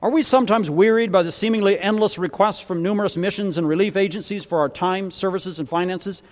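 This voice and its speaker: A man's voice: high voice, a little fast, a little mellow. A man preaching a storytelling sermon, telling it dramatically and acting out the dialogue. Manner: dramatic, acts out dialogue in varied voices. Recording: long hall reverb.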